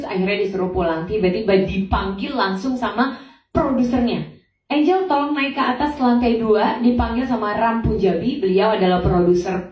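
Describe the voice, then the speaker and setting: A young woman giving a church testimony, telling her story in a lively way and acting out the dialogue for the congregation. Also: a little high. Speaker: testimony speaker. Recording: echoey hall, far from mic, dull.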